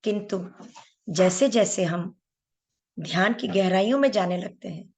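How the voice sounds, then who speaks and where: A middle-aged woman teaches meditation in an unhurried spiritual talk, drawing out her words at a slow pace. Her voice carries a gravelly edge of fry, and she tells stories earnestly while speaking straight to her listeners. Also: medium pitch, a little mellow. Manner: unhurried, earnest storyteller who addresses listeners directly.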